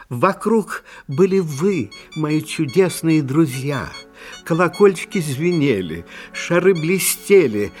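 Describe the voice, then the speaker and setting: Sounding amazed, a man with a slightly high voice portrays a sentimental, vain, fragile Christmas tree ornament in a children's fairy-tale audio play. His storytelling is genteel, theatrical, and full of self-pity.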